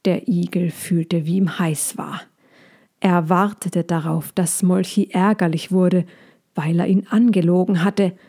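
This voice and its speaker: A woman narrating a children's story aloud in a calm, unhurried storytelling manner. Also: lowish voice.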